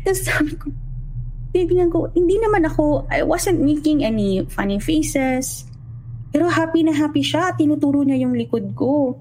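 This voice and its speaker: A woman's voice: sits high, moderate pace, a little hiss or hum, rough recording. A young woman from the Philippines telling a true horror story in a casual way, acting out what the children said. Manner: animated, acts out what the children said. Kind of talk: casual storytelling, mixing Tagalog and English.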